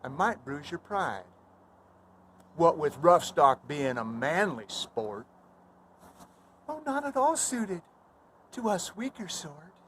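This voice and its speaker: A man's voice: a little high, sing-song, takes it slowly, long pauses, fairly bright tone, heavily acted. Man voicing a cocky, unfazed cowgirl, folksy drawl-out retorts. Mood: teasing. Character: plucky, unfazed young cowgirl bull rider. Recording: outdoor recording with clear background noise.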